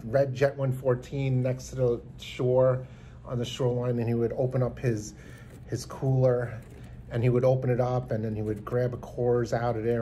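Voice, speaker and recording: Filmed close on a handheld phone in a small indoor room, a man in his fifties gives a heartfelt vlog tribute to camera, earnest and rambling with many restarts. His voice is mid-range and warm, with a little hiss or hum.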